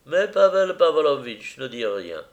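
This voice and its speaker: A man reading a novel aloud as narrator, in a measured, even storytelling manner. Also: mid-range voice.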